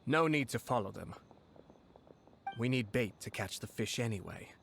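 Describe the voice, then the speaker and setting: An actor playing a calm, refined young lord with a formal, measured, poised delivery in a video game. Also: male voice, medium pitch, gravelly, a little hiss or hum. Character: composed, refined young lord commissioner, calmly authoritative.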